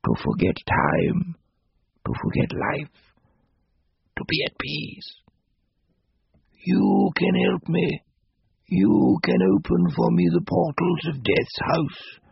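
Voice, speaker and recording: A lonely ghost, centuries old, put on by a man, speaks in a gravelly, sighing voice with heavy fry. His delivery is slow and dreamy, rising and falling widely. The recording sounds dull and lo-fi. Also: fairly high pitch, huge pitch swings, no echo, voice pushed up, exaggerated voice. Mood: mournful. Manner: slow, dreamy storybook voicing. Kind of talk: audiobook reading.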